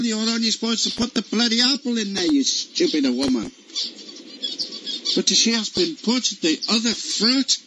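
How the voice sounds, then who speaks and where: A man's voice: high-pitched, bright, forceful tone, a little hiss or hum. A man voicing Mario, a confused middle-aged man who rambles in broken grammar and pleads for help on a phone call. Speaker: prank caller.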